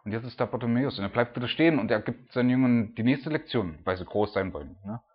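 A man preaching an informal sermon, talking casually with frequent "ne?" tags and sometimes acting out loud, high cries. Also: animated, fast. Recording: dull lo-fi sound.

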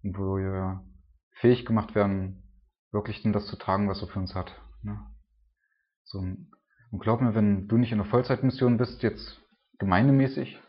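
A man with a fairly low voice preaches in a loose, chatty manner, tagging almost every thought with a questioning "right?". The recording sounds dull and lo-fi. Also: steady tone, moderate pace, pauses often. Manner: informal, tags nearly every sentence with a questioning "ne?". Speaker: preacher and church planter. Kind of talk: casual conversational preaching.

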